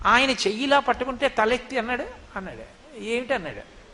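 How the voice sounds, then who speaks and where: A man gives an animated devotional discourse and slows down to chant verses. His voice sits very high and sounds bright. It rings out with a long hall reverb. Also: a little hiss or hum.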